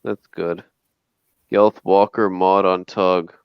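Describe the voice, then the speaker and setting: A man's voice: low-pitched, level tone, slow pace, clean tone, dry recording. A man hosting a livestream in casual chat, playful, often stumbling and restarting. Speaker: livestream host. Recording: slightly muffled stream audio.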